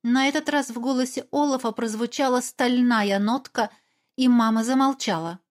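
A woman's voice: fairly high pitch, moderate pace, darkish tone. A woman giving a tense, dramatic first-person audiobook narration.

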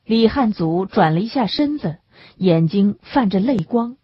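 Breathy woman reading an audiobook. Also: medium pitch, lively intonation, unhurried. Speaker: audiobook narrator. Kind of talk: scripted audiobook narration. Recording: dull lo-fi recording.

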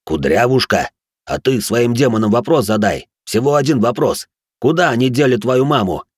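A man's voice: medium pitch, animated, normal speed, breathy edge, no room sound, pitched above the performer's own voice. Man doing a mocking, slangy ex-soldier. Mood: taunting. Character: mocking, blunt male ex-soldier.

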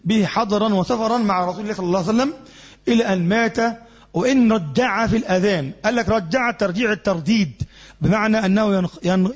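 A quick-talking Egyptian man teaches a religious lesson in a fairly high, husky voice. He explains each point and keeps putting questions to his class. The recording is dull and lo-fi. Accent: Egyptian Arabic. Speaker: sheikh teaching Islamic jurisprudence.

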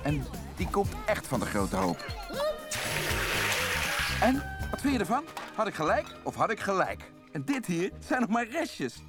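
Scheming raccoon hustler, cartoon dub, salesman patter, wildly swooping pitch, music underneath. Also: measured pace, heavily acted. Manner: salesman-like, excitable, persuasive. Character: fast-talking scheming male raccoon hustler.

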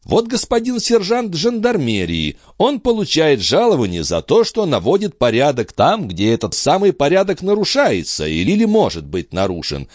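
A man reading aloud, voicing a calm, ironic orator who lectures a crowd in a measured, gently mocking way. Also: on the high side, dry recording, studio quality, voice pushed up.

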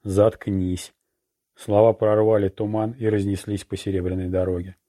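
A man narrating a fantasy novel chapter in a steady, even reading. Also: on the low side, fairly quick. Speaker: audiobook narrator. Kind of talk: scripted narration.

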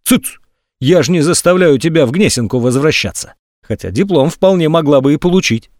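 A man's voice: on the high side, expressive, brisk, a little mellow, dry recording, studio quality, pitched above the performer's own voice, close to an everyday voice. A man reading an audiobook, voicing a cold, blunt young woman who scolds her friend. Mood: scolding.

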